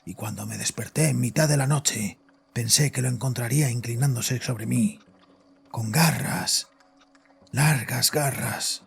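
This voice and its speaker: Playing an audio-drama father who is both domineering and distraught, the actor sounds haunted, his mid-range voice husky and gravelly. The confession comes out halting and anguished, and the performance is heavily acted.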